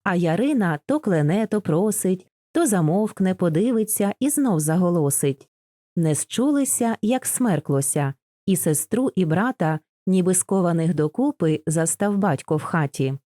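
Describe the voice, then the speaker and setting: A woman narrating a poem for an audiobook, measured and expressive. Her voice is low-pitched and mellow. The recording is close and dry, with no room sound. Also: no echo. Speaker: audiobook reader.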